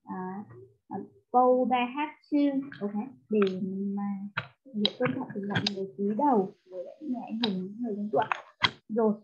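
Tutor on a tinny line. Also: female voice, medium pitch, moderate pace. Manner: explains step by step, mixing English words into Vietnamese. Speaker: English teacher. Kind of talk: one-on-one tutoring lesson.

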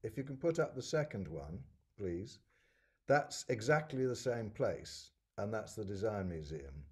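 Wry low-voiced male moderator. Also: very animated, measured pace, slightly rough. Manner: dry, wry humour. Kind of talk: panel discussion.

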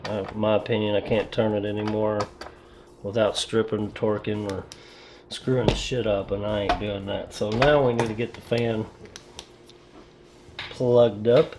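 Against a noisy background, a man with a lowish, steady voice talks unhurriedly and pauses often. He's a PC hobbyist vlogger narrating casually as he repastes and reassembles his computer, rambling, self-deprecating, and talking to himself.

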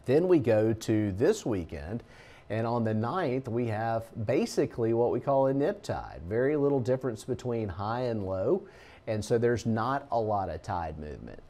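A middle-aged man, a TV meteorologist giving a relaxed, folksy talk over slides. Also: medium pitch, normal speed.

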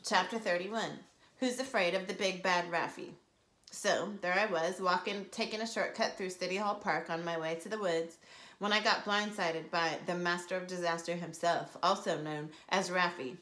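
Bright-voiced woman reading a children's book. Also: fairly low pitch, moderate pace. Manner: lively storytelling. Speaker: teacher reading aloud. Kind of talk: reading a children's novel aloud. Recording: roomy echo.

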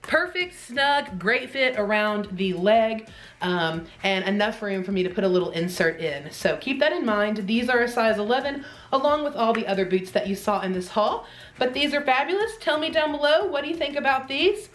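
A woman's voice: on the high side, expressive, moderate pace. A young adult woman vlogging casually to camera, upbeat and chatty, asking her viewers questions. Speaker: fashion vlogger.

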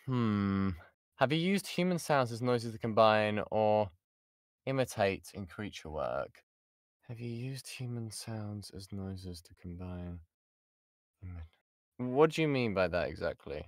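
An unhurried, expressive British man, a voice actor with a fairly low voice, jokes at his own expense while answering online workshop questions informally. There's no room sound; the studio-quality recording comes from an XLR mic in a padded home booth.

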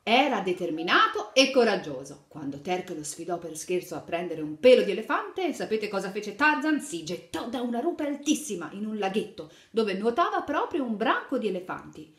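Animated woman storyteller for children, swooping melody, somewhat high, roomy echo. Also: normal speed, few pauses. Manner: animated, asks the children questions while showing pictures. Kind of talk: reading a fairy tale aloud to children.

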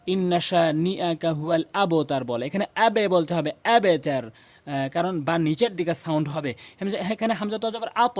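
High-voiced man teaching recitation. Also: dry recording. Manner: repeats and drills sounds slowly, emphatic. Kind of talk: instructional explanation.

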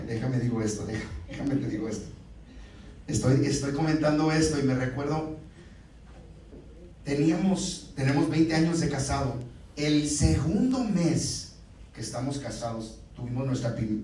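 A man's voice: on the high side, darkish tone, far from the mic, a little hiss or hum. A middle-aged man, a guest speaker at a church couples dinner, preaching with humor and chuckling through his own stories. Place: large church hall with a live audience. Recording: very echoey hall, heard from afar, audience.

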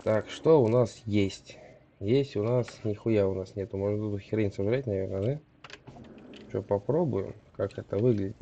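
Low, gravelly man muttering game commentary. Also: measured pace, dark tone, slight background noise. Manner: muttering to himself, swearing. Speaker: gamer playing on camera. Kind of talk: casual gameplay commentary.

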